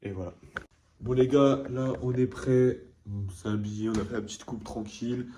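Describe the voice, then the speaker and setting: At a moderate pace and with a little hiss or hum on the recording, a young vlogger and player speaks in a mid-range voice. His manner is easygoing as he addresses viewers directly in a casual vlog chat.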